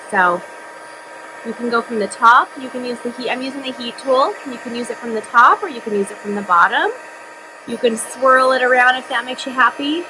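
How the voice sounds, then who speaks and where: A woman's voice: on the high side, background noise. A middle-aged woman hosting a casual craft tutorial, chatty and upbeat, thinking aloud as she works.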